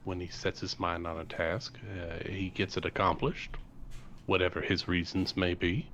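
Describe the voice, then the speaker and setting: A man voicing a calm, thoughtful woman adventurer who speaks deliberately with many pauses. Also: sits low. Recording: slightly dull with faint noise.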